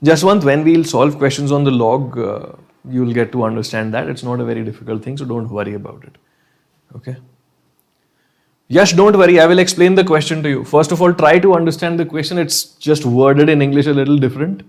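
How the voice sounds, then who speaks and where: A man's voice: a little high, fairly even intonation, brisk, a little mellow. Encouraging Indian man teaching online. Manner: encouraging, reassuring, often checking in with "okay"; mixes Hindi phrases into English. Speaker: chemistry teacher. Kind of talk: live online lesson, talking to students in chat.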